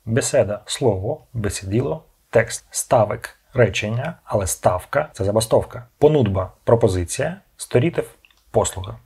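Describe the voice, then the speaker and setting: A man's voice: lowish voice, lively intonation, moderate pace, creaky, warm tone, breathy edge. A man narrating a scripted vocabulary lesson, reading each word and then its meaning in short paired phrases. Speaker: language channel host.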